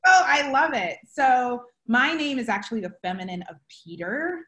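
A woman's voice: on the high side, expressive, moderate pace. Storytelling woman guest, roomy sound. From Uganda and Zimbabwe, then US South. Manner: warm storytelling, laughs easily. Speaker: guest, photographer. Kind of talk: casual interview chat.

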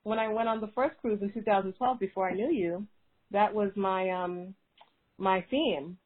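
A woman's husky voice comes through a narrow landline phone line as she leaves a voicemail. She chats in an excitable way and keeps finishing her friend's sentences. The sound is thin and tinny, like a recorded phone message. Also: mid-range voice, moderate pace. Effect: heard over a landline phone as a voicemail. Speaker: caller leaving a voicemail. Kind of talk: casual chat.

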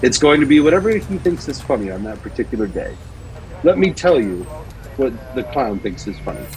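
A man's voice: medium pitch, very animated, a little fast, a little mellow, rough recording. Man hosting a spooky-story podcast. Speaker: podcast co-host. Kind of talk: casual chat and dramatic story reading.

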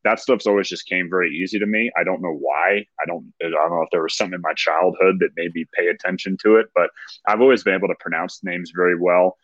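Deep-voiced man explaining with confidence. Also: steady tone, fast talker, fairly bright tone, no echo, highs cut off. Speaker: interview guest, ring announcer. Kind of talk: casual interview talk.

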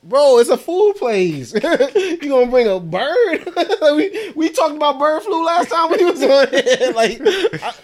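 A man co-hosting a podcast, telling animated, slangy stories and laughing often, in casual chat. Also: very high-pitched, unhurried, hardly any pauses. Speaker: podcast co-host.

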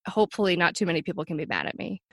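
A woman speaking as a podcast guest, polite and measured, chatty with frequent fillers. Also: lowish voice, animated, no room sound, studio quality. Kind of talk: casual chat.

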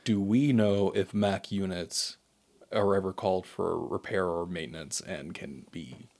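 A man's voice: sits low, measured pace, a little mellow. A man playing a tabletop game, asking questions and restarting his sentences. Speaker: player. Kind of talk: casual tabletop game chat.

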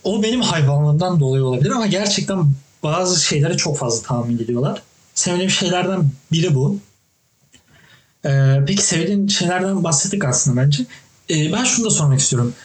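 A young man chatting casually as a host, his voice sitting a little higher than most men's. He tells stories with lively energy and swears freely along the way. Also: brisk, echoey room, low-quality recording. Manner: animated storytelling, swears casually. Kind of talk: casual chat.

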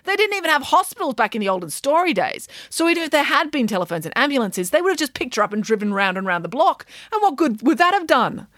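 A woman doing a grand, bossy nanny who tells her tale with relish. Her voice leaps high and swoops with theatrical emphasis. The sound is very close and dry. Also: very animated, quick pace, hardly any pauses, fairly bright tone, no room sound. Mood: indignant.

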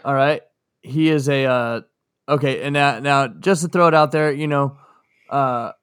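A man's voice: medium pitch, unhurried, a bit bright, clean tone, no room sound, clean studio sound. A man co-hosting a podcast in casual, crude banter full of swearing. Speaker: podcast co-host.

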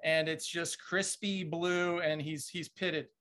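An American man hosting a casual interview, speaking haltingly and enthusiastically with surfer slang. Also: a little high, steady tone, fairly bright tone. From United States. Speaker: show host.

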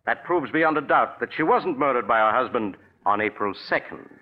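An actor with an American accent playing a shrewd, accusing doctor-investigator in a 1940s radio drama, deliberate and pointed. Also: male voice, medium pitch, lively intonation, close to an everyday voice. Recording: muffled old radio recording.

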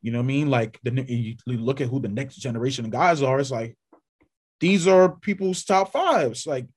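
A man's voice: medium pitch, moderate pace, breathy edge. A man co-hosting a podcast in casual chat, rambling with many restarts and perking up when he lists names. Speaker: podcast co-host.

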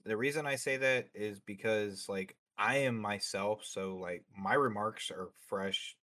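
A man's voice: lowish voice, a little slow, pushed and bright. A man being interviewed as a streamer, talking bluntly with lots of swearing and fillers. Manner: outspoken, opinionated. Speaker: streamer guest. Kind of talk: casual interview chat.

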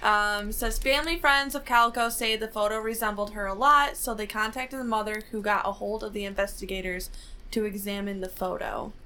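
Bright young woman reading case notes. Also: medium pitch, steady tone, a little fast. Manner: giggly, with "um"s. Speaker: podcast co-host presenting a case.

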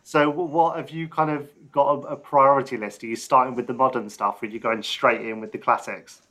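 A man's voice: mid-range voice, fairly even intonation, fairly quick, bright, forceful tone. Easygoing man hosting an interview. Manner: easygoing, chuckling, filler-heavy. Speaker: interview host. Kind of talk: casual interview chat.

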